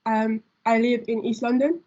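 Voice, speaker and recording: A young Nigerian woman hosts a casual group chat among students, talking chattily with many fillers. Her voice is a little high and mellow, with fairly even intonation at a moderate pace. The lo-fi audio sounds dull.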